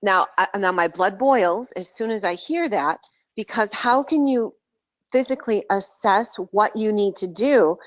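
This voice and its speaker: A woman's voice: medium pitch, a little slow, no room sound. A woman speaking as a dental practice coach on a group voice call, outspoken and emphatic. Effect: heard over a group voice call. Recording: dull lo-fi call audio.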